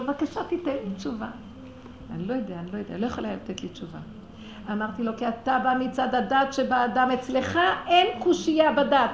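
A woman with a slightly high voice tells a religious story from her own life, and she grows fervent and loud as she presses her point. The recording sounds roomy and echoey, with a faint hum of background noise underneath. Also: creaky. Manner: impassioned, rising to near-shouting when stirred.

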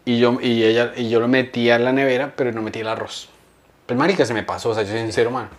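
Animated man telling stories. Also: medium pitch, fast talker. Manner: animated storyteller, slangy, acts out quotes. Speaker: podcast co-host. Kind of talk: casual comedic chat.

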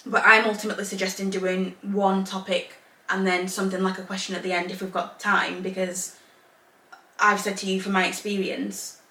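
A woman born in Zambia and raised in England co-hosts a casual podcast, rambling in long run-on sentences and laughing often. Her mid-range voice is sharp and flat at a moderate pace. She records in a home room in Northern Ireland, where the room echoes and the mic sits at a distance.

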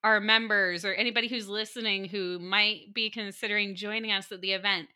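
A woman's voice: medium pitch, fairly even intonation, fairly quick, sharp tone. A woman hosting a podcast interview, laughing often and encouraging her guest. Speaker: podcast host. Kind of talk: casual interview.

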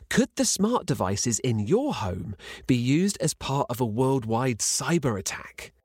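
Animated, inquisitive British male science host. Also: mid-range voice, dry recording, clean studio sound. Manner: inquisitive, emphatic, rhetorical questioning. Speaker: science presenter and podcast host. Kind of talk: scripted podcast narration. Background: music.

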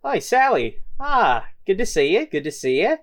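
A man voicing a sly, menacing male gang leader with a high, mocking tone. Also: big pitch swings, moderate pace. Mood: taunting. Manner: mocking, high-pitched sneer.

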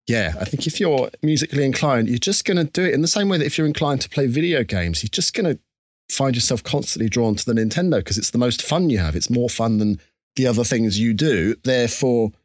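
A man's voice: mid-range voice, lively intonation, a little fast, no room sound. A man with an Essex accent, talking candidly and reflectively in a casual interview, with a self-deprecating, conversational way about him. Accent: Essex English. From Essex, England. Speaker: interview guest, musician.

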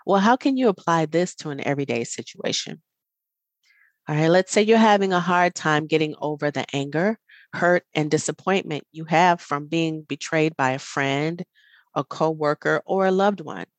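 Low-voiced woman giving gentle self-help talk. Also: moderate pace, no room sound. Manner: earnest, encouraging, addresses the listener directly; smiling as she speaks. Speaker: podcast host. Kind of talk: reflective self-help monologue.

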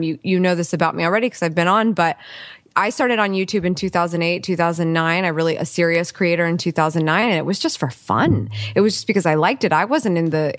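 A woman's voice: on the low side, no room sound, studio quality. A woman talking as a podcast guest and new author, chatting enthusiastically and expressively about reading and making videos. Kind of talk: casual interview chat.

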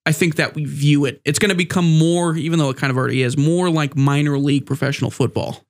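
Congested, higher-voiced man hosting a podcast. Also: fairly even intonation, quick pace. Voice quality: stuffy, congested nose. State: mildly sick with a sore throat. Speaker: podcast host. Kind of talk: casual sports podcast chat.

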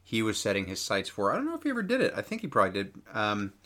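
A man's voice: lowish voice, wildly swooping pitch, racing, sharp tone. A man co-hosting a podcast, rambling through casual sports chat with lots of fillers. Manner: chatty, rambling, many fillers. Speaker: podcast co-host.

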